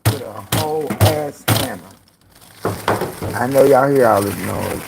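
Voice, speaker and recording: A man in his fifties hosting a casual livestream from home, gossiping with viewers in an animated, profane way. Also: medium pitch, measured pace, vocal fry, heavy background noise. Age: 50s. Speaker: livestream host. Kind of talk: casual live-stream chat.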